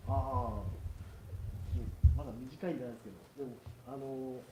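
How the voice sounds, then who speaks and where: A man's voice: mid-range voice, steady tone, racing, muffled recording. A man with a Japanese accent answering questions casually and hesitantly, groping for words. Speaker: audience member. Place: indoor meetup venue. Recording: echoey room, far from mic, background noise.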